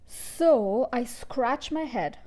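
A woman reading a storybook aloud, voicing a boastful, crooked car-dealer father who talks loudly and emphatically. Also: fairly high pitch, expressive, extremely slow. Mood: bragging. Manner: loud, bragging, emphatic.

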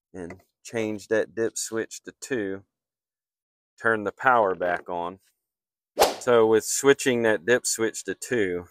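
A man talks through a repair at an unhurried, deliberate pace, plain and matter-of-fact. His voice is slightly low and clean, with a dry sound and no room echo around it. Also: a bit bright. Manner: slow, matter-of-fact explaining while working. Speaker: HVAC technician. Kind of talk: hands-on repair walkthrough. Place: outdoors on a flat commercial rooftop.

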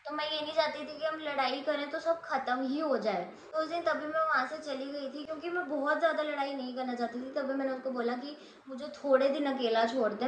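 A woman's voice: sits high, slight background noise. A young woman telling a vlog story in a casual, subdued tone. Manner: soft and subdued while recounting, sharp when arguing. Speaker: vlogger. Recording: echoey room with faint ambience.

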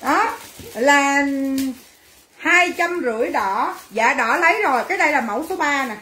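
Woman, high voice, livestream seller, brash teasing banter, echoey room. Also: expressive, moderate pace, sharp tone. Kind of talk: livestream sales chat.

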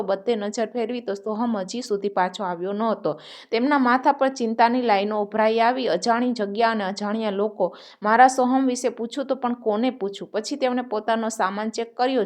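A woman narrating a scripted story and reading all the dialogue in the same even narrating voice. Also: a little high.

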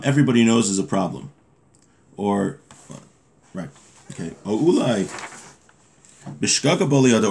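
Reading aloud and then explaining, a man in his thirties teaches an informal religious lesson at his desk in a small home room, stopping and fixing his wording along the way. His voice is medium in pitch, creaky and darkish.

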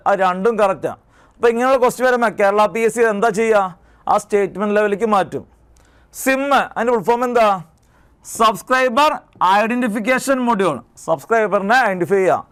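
Male tutor, high smooth voice, quizzes and repeats. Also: fairly bright tone. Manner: drills terms by asking and repeating them. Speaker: exam coaching teacher. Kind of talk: exam prep lesson.

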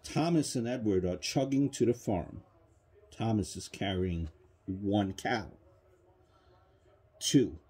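A father reads a children's counting book aloud to his child at bedtime, patiently prompting with questions. His low, mellow, husky voice moves slowly with long pauses. They are indoors in a small child's bedroom.

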